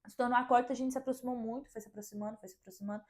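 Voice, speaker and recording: Young female guest, high voice, lively chatty storyteller. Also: very fast. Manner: lively storyteller, fills with "meio tipo assim". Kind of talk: casual chat.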